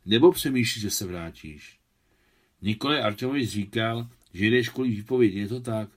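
A man reading aloud and voicing a composed middle-aged woman who speaks with gentle insistence. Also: lowish voice, natural voice.

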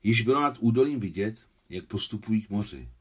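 A man, the book's translator, calmly reading his translated novel aloud. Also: fairly low pitch, breathy edge.

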